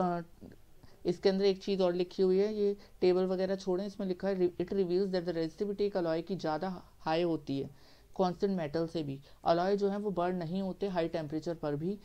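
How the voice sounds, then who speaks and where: Mellow-voiced male teacher explaining step by step. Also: sits high, lo-fi sound. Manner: explains step by step, asks and answers his own questions; repeats "theek hai" to check understanding. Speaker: science teacher. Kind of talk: classroom lecture.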